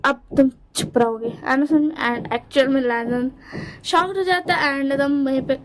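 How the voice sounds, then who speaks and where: A chatty woman with a high, light voice tells a romance fan story off the cuff. She stumbles and restarts often and fills pauses with hesitations. She voices the characters' dialogue almost in her own plain voice. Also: a little hiss or hum. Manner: chatty, rambling, many fillers and restarts; quotes each character's lines with little change of voice. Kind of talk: casual spoken retelling of a story.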